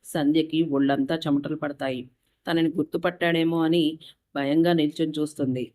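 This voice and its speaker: A woman narrating a moral story in a steady, even reading voice. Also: sits low, normal speed.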